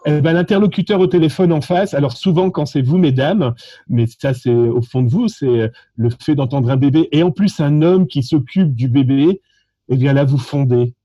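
A man from France with a French accent, telling stories animatedly in a lively, joking way about his contest calls. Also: on the high side, moderate pace, no room sound. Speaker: social engineering contest participant. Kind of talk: animated conversational storytelling.

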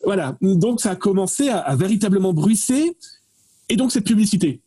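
A man talks through a story in loose, chatty fashion, doubling back and filling pauses as he goes. His voice sits a little high, with a husky, mellow tone. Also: lively intonation. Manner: digressive, many fillers and restarts. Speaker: guest expert. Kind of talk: casual explanatory chat.

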